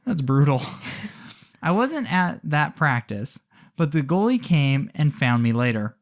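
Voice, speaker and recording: Animated podcast co-host telling a story. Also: mid-range voice. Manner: animated storyteller, wry asides. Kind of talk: casual storytelling.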